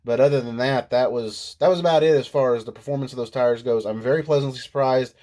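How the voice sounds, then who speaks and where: A man's voice: mid-range voice, fast, mellow. Man with a stuffy nasal cold voice. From Illinois. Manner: chatty, laughs often, self-deprecating. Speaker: RC monster truck vlogger. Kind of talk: casual vlog recap. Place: indoors at home.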